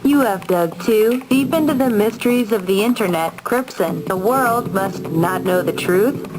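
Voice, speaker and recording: A creepy robot voice, put on by a young man, delivering flat, ominous warnings. Hiss and noise sit behind it, like a home recording. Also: sits high, measured pace. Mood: menacing.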